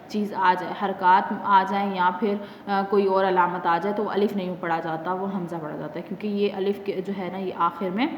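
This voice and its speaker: A woman with a Pakistani Urdu accent teaching a Quran reading lesson. She explains patiently with many fillers, then drills each letter and its sound slowly. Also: medium pitch, slight background noise. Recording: echoey, dull lo-fi classroom recording.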